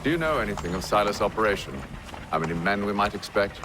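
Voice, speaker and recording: A man playing a composed, commanding gentleman who leads a covert band in a video game, speaking in a measured, formal way. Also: lowish voice, lively intonation, background noise, natural voice. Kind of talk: video game dramatic acting. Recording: music under the voice.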